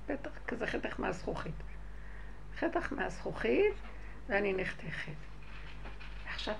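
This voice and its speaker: A woman giving a religious talk to a group, telling personal stories and speaking straight to her listeners, moving from quiet, hushed stretches to loud outbursts. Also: on the high side, creaky, a little hiss or hum. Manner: addresses listeners directly. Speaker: spiritual teacher.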